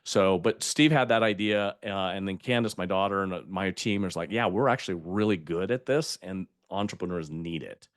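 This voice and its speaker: A man's voice: low voice, normal speed, few pauses, no echo, studio quality. An older man speaking as a podcast guest, telling stories in an emphatic way and laughing at himself. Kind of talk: conversational interview.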